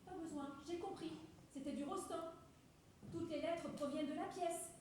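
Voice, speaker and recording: A woman's voice: extremely high pitch, steady tone, normal speed. A woman playing a bold, lovestruck, indignant young woman in a stage play, insistent and direct. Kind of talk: theatrical stage acting. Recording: echoey stage, distant, faint noise.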